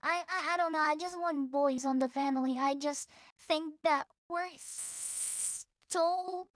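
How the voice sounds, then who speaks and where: A woman's voice: high voice, lively intonation, slow pace, no room sound, studio quality. A woman from El Salvador, rambling bluntly and profanely in a casual vlog monologue, often restarting her sentences. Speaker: streamer.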